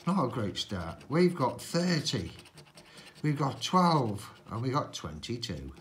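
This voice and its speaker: A man's voice: mid-range voice, big pitch swings, measured pace, slight background noise. A middle-aged man chatting casually while scratching cards, calling out numbers one by one like a bingo caller. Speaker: host of a scratch card channel. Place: indoors at a tabletop.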